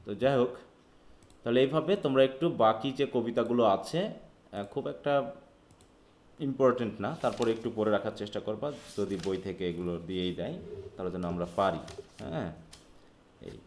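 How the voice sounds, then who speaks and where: A man's voice: lowish voice, brisk, pauses often, a little mellow, a little hiss or hum. A man from Bangladesh teaching an English literature class online, reading English lines aloud and questioning his students. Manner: mixes Bengali with read-out English, asks students questions.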